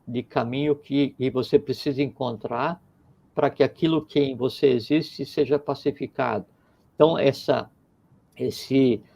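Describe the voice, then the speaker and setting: In a reflective conversation, a man with a medium-pitched, creaky, warm voice circles around his points. He digresses, repeats phrases, and tells little parables in which he acts out the quoted lines.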